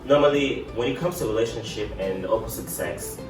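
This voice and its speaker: Man from cameroon, calm and measured guest, echoey room, distant mic, music in the background. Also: medium pitch. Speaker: interview guest. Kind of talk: casual chat.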